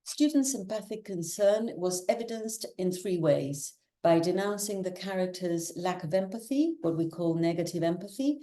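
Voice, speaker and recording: A woman from Argentina presenting research results in a steady, partly read manner. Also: on the low side. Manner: steady, reads out quoted speech from the cartoons.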